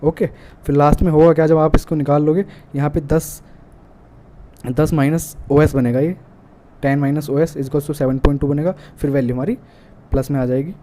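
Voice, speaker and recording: A man's voice: a little high, steady tone, normal speed. A man with an Indian accent teaching an exam-prep math lesson, working through problems step by step and mixing in English math terms. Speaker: math tutor. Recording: faint background noise.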